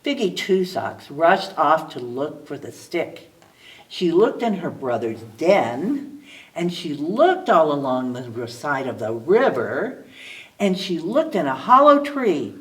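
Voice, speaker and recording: Librarian reading a storybook aloud. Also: female voice, low-pitched, slow pace, distant mic, rough recording. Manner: lively expressive read-aloud with small slips and self-corrections. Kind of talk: reading a picture book aloud.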